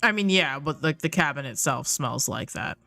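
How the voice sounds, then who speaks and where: Low-voiced woman running a tabletop game. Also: expressive, normal speed, vocal fry, pushed and bright, faint music behind. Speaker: game master. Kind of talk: casual tabletop game narration.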